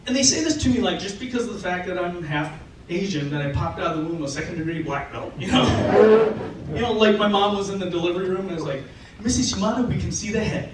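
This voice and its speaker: High-voiced guy from south dakota doing standup, lively, roomy far-off club sound with heavy noise. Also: fast. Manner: animated, self-mocking storytelling. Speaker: stand-up comedian. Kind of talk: stand-up comedy set.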